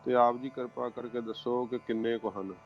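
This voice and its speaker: A man teaching correct recitation of scripture, speaking slowly and carefully, spelling out syllables and pauses. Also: medium pitch, level tone. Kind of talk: religious pronunciation lesson. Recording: dull lo-fi recording with faint background music.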